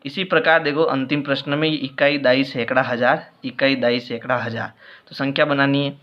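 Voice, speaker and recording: A man's voice: medium pitch, little pitch movement, fairly quick. Patient male maths teacher, dull audio. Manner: patient step-by-step explaining, repeating answers. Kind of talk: worksheet explanation lesson.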